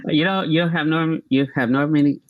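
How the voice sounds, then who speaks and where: A man's voice: on the high side, no room sound, rough recording. A man moderating an online panel. He speaks in a friendly, chatty way and laughs easily.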